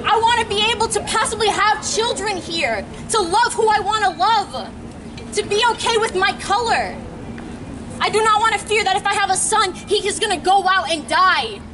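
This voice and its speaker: A teenage girl from New York with a very high voice gives an impassioned protest speech in the open air. She sounds distant from the mic, with a crowd and traffic clearly audible behind her. She is earnest and emphatic. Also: lively intonation. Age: late teens. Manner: earnest, emphatic, with pauses and restarts. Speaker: student rally speaker. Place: outdoor plaza at a street rally. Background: crowd cheering, traffic.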